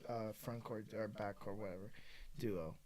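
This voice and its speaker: A young man hosting a casual sports chat, animated and full of quick restarts. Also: lowish voice. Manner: animated, quick back-and-forth with repeated restarts. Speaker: podcast host.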